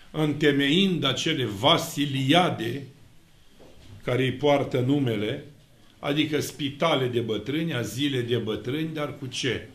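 A middle-aged Romanian priest delivers an emphatic sermon in a medium-pitched voice, stressing his words slowly and gesturing lively with his hands. He is filmed indoors in a church with icons by a fixed camera in mid shot, and the room echoes.

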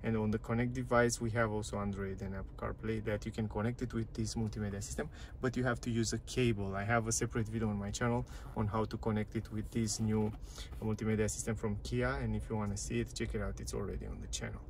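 Speaking fast with few pauses, a male car reviewer with a lowish, flat voice and vocal fry casually walks through a parked car's dashboard and touchscreen menus. He's chatty, repeats phrases, and uses non-native grammar; slight background noise is present.

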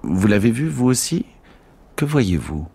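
A man's voice: on the low side, very animated, unhurried, creaky, dark tone, husky, voice pushed up, heavily acted. A man reading the lines of an anxious, unsure young lieutenant on night watch in an audiobook, with tense, agitated questions.

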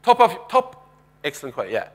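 A man's voice: fairly high pitch, huge pitch swings, brisk, a bit bright. A man in his thirties giving a keynote talk on a large conference stage through a headset mic, conversational, asking the audience questions and often restarting sentences. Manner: paces the stage with gestures. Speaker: keynote speaker.

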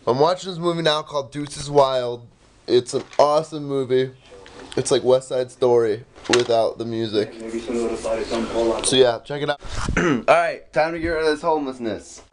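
A man's voice: medium pitch, moderate pace, slight background noise. A man chatting casually in a daily vlog, rambling and filling his talk with "like". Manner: rambling, heavy on "like" fillers. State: just woken up. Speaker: vlogger.

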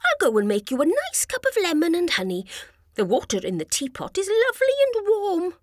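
A woman's voice: extremely high pitch, wildly swooping pitch, measured pace, fairly bright tone, no room sound, clean studio sound, voice pushed up, exaggerated voice. A woman voicing Lennon, an eager, curious young male cartoon character.

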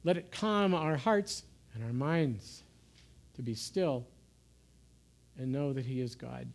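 A man giving an informal sermon in a gentle, conversational way, sometimes dropping to soft, hushed asides. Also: medium pitch, takes it slowly, gravelly. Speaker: pastor. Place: church.

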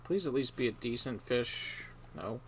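A man's voice: medium pitch, animated, a little slow, slight background noise. A man streaming a video game, grumbling sarcastically and talking to himself and the characters as he plays. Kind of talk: casual gameplay commentary.

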